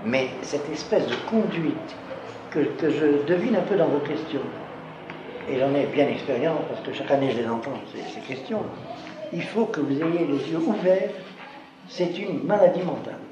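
A man's voice: fairly high pitch, moderate pace, muffled recording. A man giving an emphatic lecture to an audience, often stopping to check they follow. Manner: emphatic, keeps checking with rhetorical questions. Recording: echoey room with background noise.

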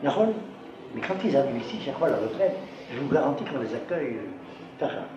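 A man's voice: mid-range voice, animated, fast, muffled recording. A man giving an emphatic lecture to an audience, often stopping to check they follow. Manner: emphatic, keeps checking with rhetorical questions. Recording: echoey room with background noise.

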